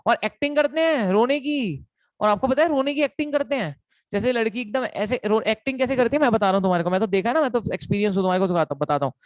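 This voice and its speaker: A man's voice: sits high, quick pace, dry recording. A young man giving an online lecture, playful and teasing, repeating himself often. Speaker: teacher.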